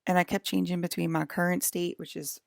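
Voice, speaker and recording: Low gravelly woman in her forties. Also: little pitch movement, a little fast, no room sound, clean studio sound. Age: 40s. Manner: talks to viewers with frequent "okay?" and "right?"; defiant, scolding toward her audience. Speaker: vlogger. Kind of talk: rambling direct-to-camera monologue.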